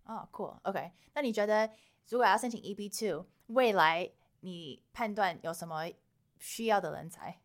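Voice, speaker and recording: A woman's voice: medium pitch, normal speed. A woman host, interviewing guests and slipping English words into her questions. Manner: code-switches with English words.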